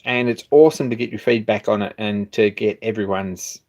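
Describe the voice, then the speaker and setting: A man's voice: fairly low pitch, fairly even intonation, a little fast, a little mellow. A man, hosting a hobby machine shop live stream and chatting casually, rambling with restarts and chuckling now and then.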